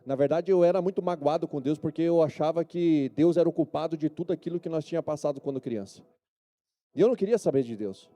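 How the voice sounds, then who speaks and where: A man's voice: fairly high pitch, fast, dark tone. A male pastor with a Brazilian Portuguese accent preaching a sermon at a church service, often calling for amen and yes-or-no answers from the congregation.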